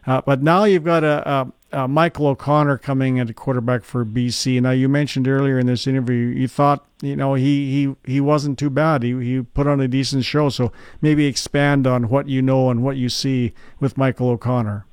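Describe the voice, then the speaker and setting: A man's voice: mid-range voice, steady tone, normal speed, hardly any pauses, darkish tone, clear, resonant tone, no echo, clean studio sound. A man hosting a sports radio show, chatty and teasing, tossing questions to his guest. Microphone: studio microphone.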